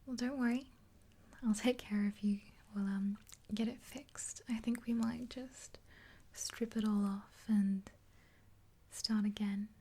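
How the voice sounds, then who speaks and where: In a small indoor room against a dark backdrop, a woman in her twenties whispers close to the mic while facing the camera. She's an ASMR creator playing a makeup artist friend, and her breathy, mellow whisper sits at a medium pitch with fairly even intonation, slow and soothing but a little hesitant. It's a one-sided roleplay chat, as if talking with a friend.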